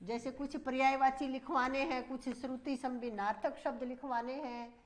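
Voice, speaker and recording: A woman's voice: high voice, steady tone, normal speed. A woman teaching a grammar lesson for exam students, explaining at length and repeating points, often calling her students "bhai".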